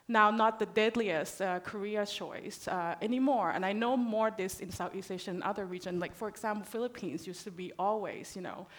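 Woman from thailand on a panel, chatty, keeps saying right?, mid pitch. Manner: conversational, frequent "right?" tags. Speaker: panel speaker. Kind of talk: panel discussion talk.

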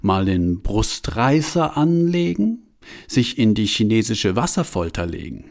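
A man with a low voice reading a male museum guide who cheerfully lectures on torture devices. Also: sing-song, unhurried, gravelly, full character voice. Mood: relishing. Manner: cheerful, lecturing, relishing detail. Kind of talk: audiobook reading.

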